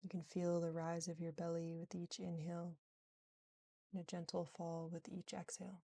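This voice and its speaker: A yoga nidra guide leads a relaxation session in a soothing, gentle, low-leaning voice with a slight fry, her delivery completely flat. She moves unhurriedly between phrases with long pauses, and the sound is close and dry with no echo.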